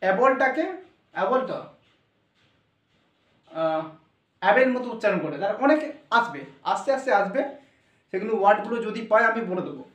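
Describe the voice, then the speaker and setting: A man's voice: high voice, expressive, fairly quick, long pauses, a bit bright. A man teaching English pronunciation, explaining step by step and asking his students questions. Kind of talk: explanatory classroom lesson. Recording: echoey room, voice from far off.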